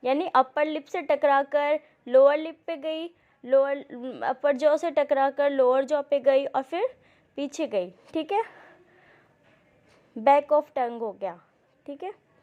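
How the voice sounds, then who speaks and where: A woman's voice: sits high, phone-quality sound. A woman teaching an exam-prep lesson, explaining terms and often asking the class questions before she answers them. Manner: explains with repeated checks and questions to students; reads English passages slowly and deliberately. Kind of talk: exam-prep coaching lecture.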